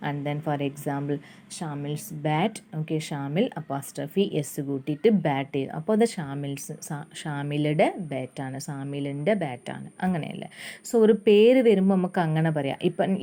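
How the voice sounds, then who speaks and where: A woman's voice: deep voice, mellow. A woman teacher with a Malayali English accent explaining grammar in a classroom lesson, mixing Malayalam and English and checking in with the class.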